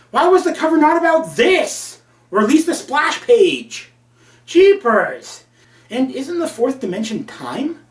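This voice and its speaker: A man reviewing an old comic book with sarcastic, crude asides. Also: high voice. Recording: roomy, from a distance.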